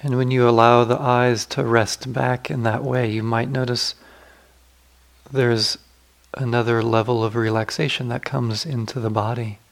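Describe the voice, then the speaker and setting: A male meditation teacher guides a session, giving soft, unhurried instructions separated by long pauses. His voice sits in the mid range, barely moves in pitch, and has a creaky texture.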